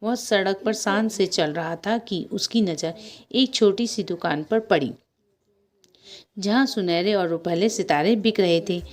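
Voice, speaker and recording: A young woman teacher reading a children's story aloud to a primary class, going slowly, repeating lines and asking the children questions. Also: medium pitch. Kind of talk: storybook lesson reading with explanations.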